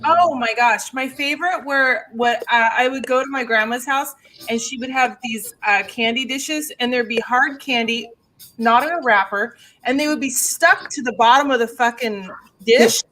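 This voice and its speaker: A woman's voice: fairly high pitch, normal speed, sharp tone, rough recording. A woman comedy panelist telling a casual story, brash, profane and enthusiastic.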